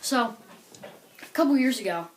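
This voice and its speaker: Woman doing stand-up storytelling, rambling delivery, slightly high voice, noisy recording. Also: animated, normal speed. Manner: rambling, lots of "like" and "you know".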